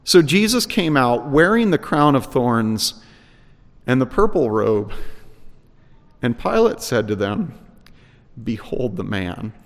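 A man's voice: mid-range voice, very animated, slow, pauses often. A man preaching an expository sermon, reading scripture verses aloud with emphatic quotes and then explaining them. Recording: reverberant hall.

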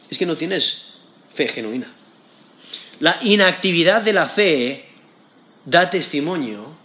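A man preaching a sermon, teaching from scripture and rising to emphatic high points when he quotes it. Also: bright, forceful tone, reverberant.

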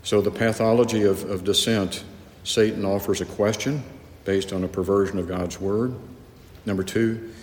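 Male preacher, very low voice, earnest and emphatic, echoey church hall with a long tail. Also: fairly even intonation, normal speed, darkish tone, a little hiss or hum. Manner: earnest, emphatic, repeats words when restarting. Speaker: pastor. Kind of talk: expository Bible teaching. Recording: echoey hall with faint ambience.

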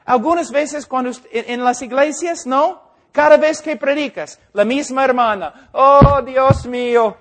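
A man's voice: extremely high pitch, measured pace. A man, an English speaker, preaches informally in Spanish, correcting himself and checking that listeners follow. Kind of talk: informal teaching sermon.

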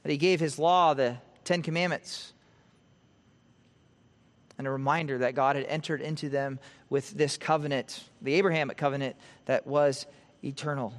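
A man preaching an expository sermon from the pulpit, swelling with emphasis and dropping quiet at the ends of phrases. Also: fairly high pitch, steady tone, normal speed, long reverb tail. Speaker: pastor. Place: church sanctuary.

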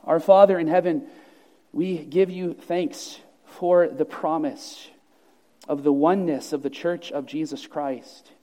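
A pastor preaches an earnest, emphatic sermon full of repeated phrases in a church sanctuary, then leads a closing prayer. His voice is on the high side with a dark tone, fairly even intonation and a slightly slow pace, carried by the long reverb of a large hall.

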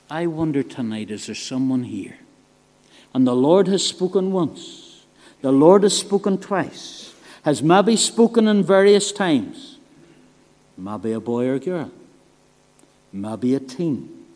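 A man with a notably high voice preaching an evangelistic sermon, his words ringing out with a long church-hall reverb. He speaks earnestly, dropping into quiet, low asides and then rising into loud, pressing appeals to the congregation.

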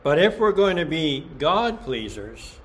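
A man's voice: fairly high pitch, sing-song, a little slow, fairly bright tone. A middle-aged man, a pastor, teaching a Bible study sermon in a church in an earnest, plainspoken way.

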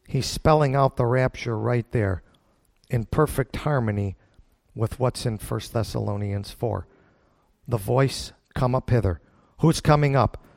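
A man preaching a Bible-teaching sermon in a folksy, plain-spoken way, emphatic, with deliberate pauses and rhetorical questions. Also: mid-range voice, gravelly, dry recording, studio quality.

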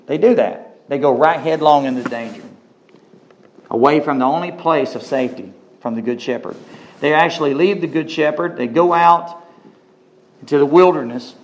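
A man preaching a sermon, animated, rising to high emphatic peaks and stretching key words slowly, with brief laughs between points.

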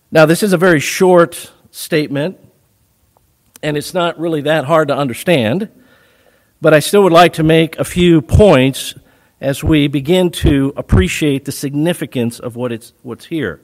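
A man, a pastor, preaching a sermon in a measured teaching tone and slowing down to stress key words. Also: fairly high pitch.

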